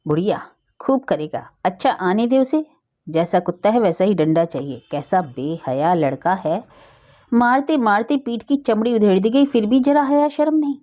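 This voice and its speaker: Spiteful old nag, shrill and scolding, put on by a woman storyteller; storybook reading, slightly muffled sound. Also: a little fast, warm tone, natural voice. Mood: shrieking. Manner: scolding, shrieking.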